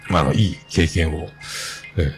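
A man with a hosting a casual solo talk show, rambling and chatty with many fillers. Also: very deep voice.

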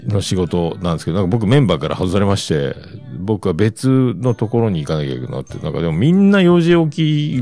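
A man in his fifties with a Kansai accent rambles through a casual solo podcast chat. His voice sits low and gravelly, and his pitch swings lively through loose asides while faint guitar music plays underneath. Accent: Kansai Japanese. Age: 50s. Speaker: podcast host.

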